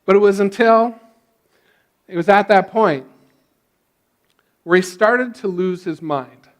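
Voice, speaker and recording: A male pastor retelling a story in a casual sermon, with frequent restarts and a relaxed way of talking. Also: high-pitched, takes it slowly.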